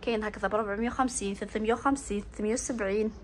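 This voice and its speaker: Filming a bag shop on her phone, a woman with an Algerian Arabic accent eagerly runs through prices and gushes about the bags for her shopping vlog. Her medium-pitched voice stays steady even as she races along, with a little hiss or hum in the recording.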